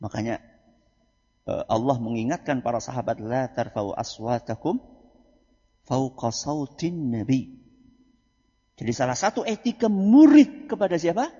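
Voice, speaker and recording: Brief: male preacher, lively pitch, slow husky delivery, muffled hall sound. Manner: asks the audience questions and answers them himself; swings from quiet to loud for emphasis. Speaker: Islamic preacher teaching a book study. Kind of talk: religious lecture.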